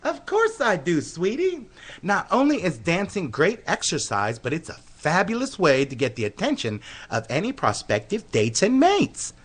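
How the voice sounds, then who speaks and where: A man's voice: sits high, wildly swooping pitch, normal speed, a bit bright, heavily acted. A man playing a flamboyant, flirtatious male dance instructor who gushes giddily, in a comedy radio sketch. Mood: giddy. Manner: gushing, giddy and flirtatious.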